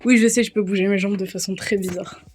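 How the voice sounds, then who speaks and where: A woman's voice: mid-range voice, fairly even intonation, fast, over music. A young woman from France vlogging on her phone, rambling and joking at herself in a casual way. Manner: rambling, self-mocking and chatty. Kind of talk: casual vlog chat. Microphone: handheld phone.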